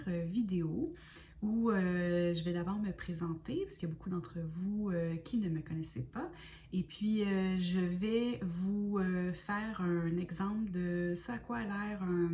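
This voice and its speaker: A woman's voice: medium pitch, dark tone, recorded from a distance, a little hiss or hum. A woman from Quebec with a Québécois accent, introducing herself as an oracle card reader and explaining her sessions step by step in a friendly way. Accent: Québécois French. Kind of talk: casual self-introduction video.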